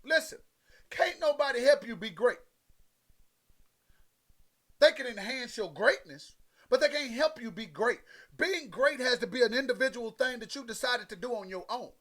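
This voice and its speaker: Very high-voiced man preaching emphatically. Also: animated, moderate pace, long pauses, fairly bright tone. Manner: emphatic, repetitive preaching with direct address to listeners; conversational, folksy phrasing. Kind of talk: motivational sermon.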